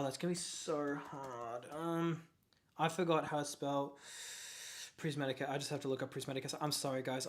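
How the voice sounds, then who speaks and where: A young Australian streamer talking off the cuff in a mid-pitched voice. The delivery is excitable and rambling, full of quick apologies and laughter. It sounds like a relaxed live chat, not a script. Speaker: card-collecting livestreamer. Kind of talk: casual livestream chat.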